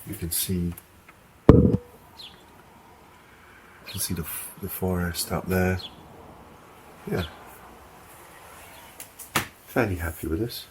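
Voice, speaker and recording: Congested and worn out, a man who vlogs his motorcycle travels chats to the camera in a relaxed way full of filler words. He speaks slowly in a deep voice and pauses often, over heavy background noise.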